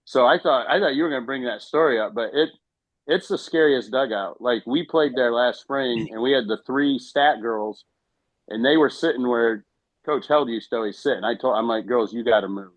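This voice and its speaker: A man, a former high school baseball coach, telling stories casually on a podcast and acting out what others said. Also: moderate pace, no room sound, muffled recording. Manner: animated, quotes others in his stories.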